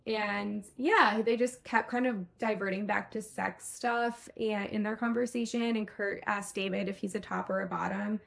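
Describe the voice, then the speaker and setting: A woman's voice: medium pitch, fairly even intonation, normal speed, creaky, hardly any pauses, a bit bright. A woman co-hosting a podcast, casually recapping a TV episode and acting out the characters' lines. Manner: recounts scenes, acts out quotes, swears casually. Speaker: podcast co-host.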